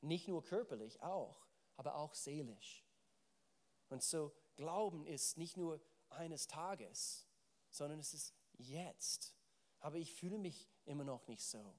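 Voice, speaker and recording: A man's voice: a little high, animated, takes it slowly, darkish tone. A man preaching a sermon. He speaks emphatically, often repeats words while searching for his phrasing, and puts questions directly to his listeners.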